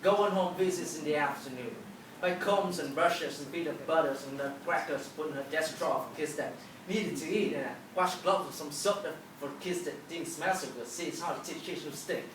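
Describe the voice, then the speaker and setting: A woman's voice: low-pitched, moderate pace. Woman doing a motivational teacher talk, really emphatic storytelling, super echoey hall w some noise. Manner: emphatic storytelling, acting out dialogue. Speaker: public speaker, teacher. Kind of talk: motivational talk to a live audience. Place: large auditorium with an audience. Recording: echoey hall, distant, noisy.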